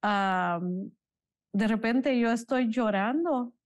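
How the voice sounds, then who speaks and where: A woman giving an emotional, halting personal testimony in an interview, earnest and religious. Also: fairly high pitch, no room sound. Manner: emotional, slow, halting storytelling. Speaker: interview guest, bereaved mother.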